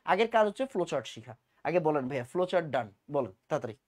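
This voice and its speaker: A man's voice: on the high side, sing-song, racing. A man teaching a chemistry exam-prep lecture, drilling terms by repetition and answering his own questions.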